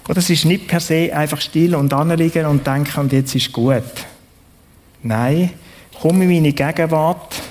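A man with a Swiss German accent preaching a sermon in an earnest, conversational way, often checking in with a quick tag question. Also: fairly high pitch, a little mellow, a little hiss or hum.

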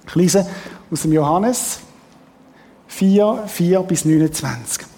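A man's voice: fairly high pitch, animated, takes it slowly, dark tone, big-room sound. A man preaching a sermon as pastor, earnest and plain-spoken, asking the congregation questions. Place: church hall.

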